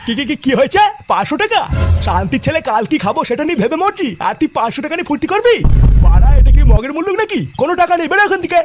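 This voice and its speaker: A shrill, scolding old grandfather in a cartoon, as a man voices him. He talks fast and swings his pitch up and down, blustering at his family. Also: sing-song, over music. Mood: angry. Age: older. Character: grumpy stingy old grandfather, quick-tempered. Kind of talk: cartoon voice acting.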